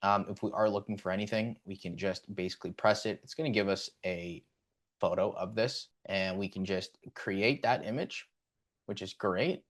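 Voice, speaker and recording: A man hosting a casual screen-recorded tutorial. He speaks in a somewhat low voice. His delivery is relaxed and full of fillers as he walks through each step. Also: normal speed. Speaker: tutorial host.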